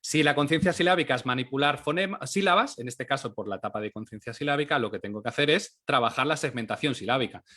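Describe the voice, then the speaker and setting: A man's voice: medium pitch, expressive, quick pace, hardly any pauses, pushed and bright. A man from giving an instructional talk as an early-years teacher trainer, explaining step by step and sounding out syllables and phonemes aloud.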